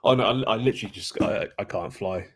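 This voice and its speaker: A man's voice: on the low side, fast talker, crowd noise. A man, chatting casually as a guest and often restarting his sentences. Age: 20s. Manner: hesitant, many restarts and fillers. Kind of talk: casual chat.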